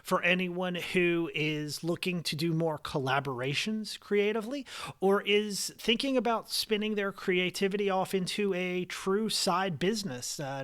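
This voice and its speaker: Higher-pitched American male podcast host. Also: a bit bright. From United States. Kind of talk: conversational podcast introduction.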